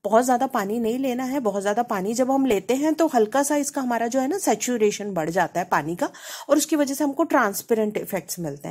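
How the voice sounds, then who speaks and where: A woman from India, speaking with an Indian accent, walks viewers through a painting lesson in a chatty, conversational way. Her voice is lively, rising and falling a lot as she explains. It has a slightly husky edge. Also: on the high side. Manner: chatty, repeats "है ना" to check in. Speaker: painting teacher. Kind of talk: casual tutorial explanation.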